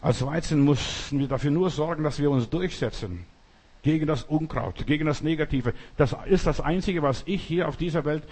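A man's voice: fairly high pitch, normal speed, darkish tone, slightly rough. A man preaching an emphatic sermon and acting out the quoted voices.

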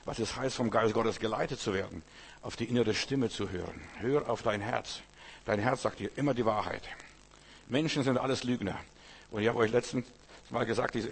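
Husky man preaching in repeated phrases. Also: mid-range voice. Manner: emphatic repetition of short phrases. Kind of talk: sermon.

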